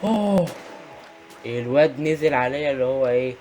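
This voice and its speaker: A young man with an Egyptian Arabic accent giving excitable gameplay commentary, often shouting at enemies. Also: mid-range voice, moderate pace, soft background music. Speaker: gaming YouTuber.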